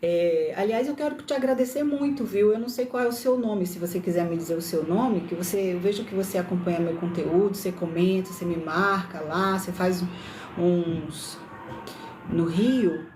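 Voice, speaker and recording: A woman from Brasília with a slightly mixed Brazilian Portuguese accent hosts a casual livestream, using lots of tag questions and correcting herself often. Her voice is lowish and a little mellow at a moderate pace, and the recording has a roomy echo plus a little hiss or hum.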